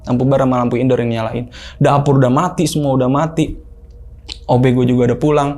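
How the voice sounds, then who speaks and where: A young man casually telling a story, animated and acting out other people's voices. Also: mid-range voice, fast talker. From Indonesia. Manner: animated, acts out quoted voices. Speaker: guest storyteller.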